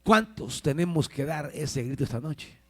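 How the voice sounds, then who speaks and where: Fervent high-pitched male pastor preaching. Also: expressive, moderate pace. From El Salvador. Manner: impassioned preaching, sudden shouts and drops to near-whispers. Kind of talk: sermon. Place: church service.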